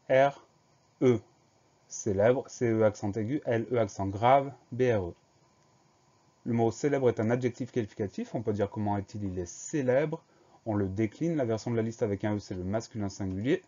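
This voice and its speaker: A man's voice: lowish voice, mellow, muffled recording. A man teaching a spelling dictation lesson, patiently spelling each word out letter by letter.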